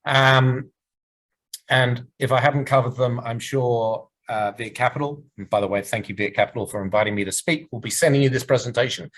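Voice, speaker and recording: A man giving a business presentation and answering questions over a video call, speaking in a measured, explanatory way while losing his voice. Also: medium pitch, fairly even intonation, fairly bright tone, low-quality recording. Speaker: presenter at a market research webinar.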